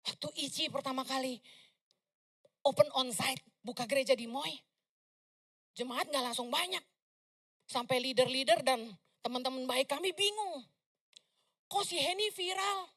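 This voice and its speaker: A woman pastor preaching with a high, piercing voice and a loud, emphatic delivery. She swings between fervent declarations and casual, slangy asides, keeping her voice bright and forceful throughout. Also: unhurried, pauses often. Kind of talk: sermon.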